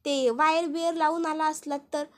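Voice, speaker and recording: A boastful, ruthless older man who brags and sounds suspicious, read out by a woman narrator. The voice stays high-pitched throughout, like a recap reader's own. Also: fairly even intonation, normal speed, lightly acted.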